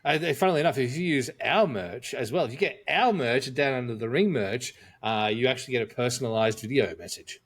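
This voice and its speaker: A man's voice: medium pitch, a little fast, hardly any pauses. A man co-hosting a wrestling podcast, talking casually and joking, thinking aloud with plenty of fillers. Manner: chatty and jokey, thinking aloud with frequent fillers. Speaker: podcast co-host.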